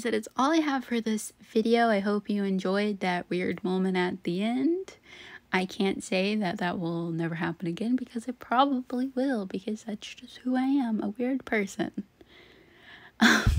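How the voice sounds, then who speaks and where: A woman hosting a game-building channel, recording a casual, rambling voiceover late at night, giggling and poking fun at herself and sounding tired. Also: medium pitch. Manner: rambling, giggly and self-deprecating. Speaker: Sims build channel host. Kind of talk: casual voiceover over gameplay.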